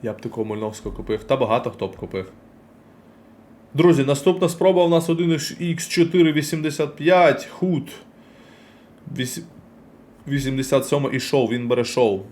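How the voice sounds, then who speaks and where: Opening packs on a football card game stream, a man with a medium-pitched, expressive, darkish voice keeps up casual commentary. He's chatty, speaks straight to his chat, and reacts fast to what he pulls.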